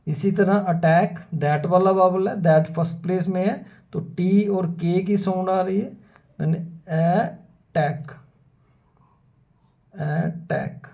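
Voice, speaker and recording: Slow gravelly shorthand teacher. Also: male voice, high-pitched, mellow. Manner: methodical, repeats words slowly for students. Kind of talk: whiteboard lesson explanation. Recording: dull lo-fi sound.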